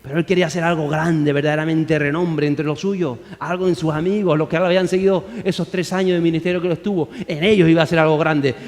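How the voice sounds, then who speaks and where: A pastor with a fairly high-pitched male voice preaches emphatically in a large hall. He peppers the congregation with rhetorical questions and has them repeat his words back.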